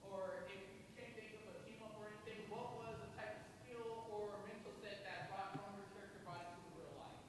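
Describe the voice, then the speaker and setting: An audience member projecting loudly to ask an unscripted question, in a noisy, echoey hall. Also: medium pitch, fairly even intonation, a little fast, pauses often. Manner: loud, projecting without a microphone. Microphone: off-microphone from the audience. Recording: echoey hall, clear noise.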